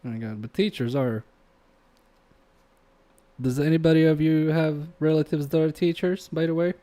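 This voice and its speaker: Repairing electronics live at his bench, a young native Polish speaker chats with his stream's viewers, reading their messages aloud and muttering to himself mid-task. His voice is a little high and dark-toned, with fairly even intonation at a normal speed.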